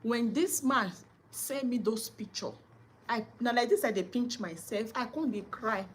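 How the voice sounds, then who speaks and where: A woman's voice: fairly high pitch, a little slow, slight background noise. A Nigerian woman vlogger giving indignant, scolding commentary, mixing English and Pidgin.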